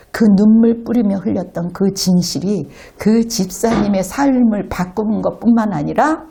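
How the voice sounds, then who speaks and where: Husky-voiced woman pastor preaching. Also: medium pitch. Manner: animated storytelling, acting out quotes; addresses the congregation directly with rhetorical questions. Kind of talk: sermon.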